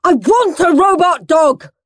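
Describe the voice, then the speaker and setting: A woman voicing a bratty, loud young schoolboy who howls and whines. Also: fairly high pitch, big pitch swings, takes it slowly, no room sound, studio quality, exaggerated voice. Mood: whining. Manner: howling, whiny, screeching.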